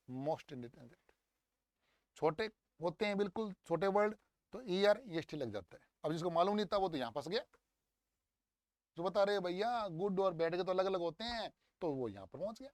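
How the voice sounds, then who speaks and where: A young man teaching English grammar in a lively, coaxing way, walking through an exam paper and drilling words aloud. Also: high voice, no echo. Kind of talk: exam paper walkthrough lesson.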